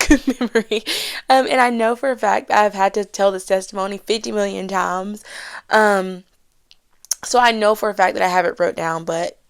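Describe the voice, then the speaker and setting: Young woman podcast host, chatty, gravelly. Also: mid-range voice. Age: 20s. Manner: chatty and self-deprecating, with frequent fillers and Southern slang. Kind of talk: casual solo podcast chat.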